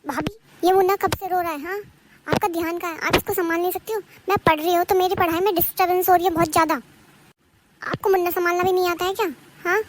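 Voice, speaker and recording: A very high, squeaky cartoon voice of a bossy young sister-in-law, as a woman acts her out. She talks in a sharp, taunting way and piles blame on others. There is a faint hiss behind her. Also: fairly even intonation, quick pace. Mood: scolding. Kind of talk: cartoon voice acting.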